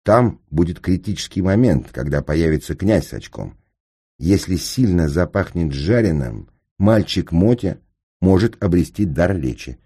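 A man reading an audiobook, voicing a calm, ironic middle-aged gentleman engineer who speaks in a measured, dry way with slight stammers. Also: low-pitched, husky, heavily acted. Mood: instructing.

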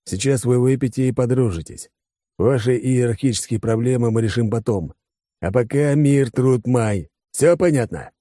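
A male narrator voicing a reckless, excitable young man who talks loudly, eagerly and bossily. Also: medium pitch, moderate pace, no room sound, studio quality, voice pushed up, close to an everyday voice. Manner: loud, eager, bossy.

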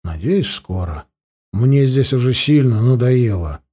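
A man's voice: mid-range voice, lively intonation, warm tone, slightly rough. A man voicing a wry, restless teenage boy with an adult's mind in an audiobook. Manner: wry, fast talking when pleading.

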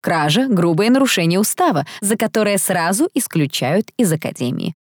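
A woman's voice: medium pitch, lively intonation, fairly quick, dry recording, clean studio sound, natural voice. A woman voicing a strict, severe middle-aged female dormitory warden in an audiobook. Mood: stern. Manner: commanding, severe. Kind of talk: audiobook character voice.

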